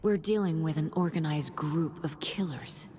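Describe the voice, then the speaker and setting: Brief: actress voicing a composed female FBI agent in a video game, measured and calm, lowish voice. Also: slight background noise, lightly acted. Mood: musing. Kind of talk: video game dialogue and inner monologue.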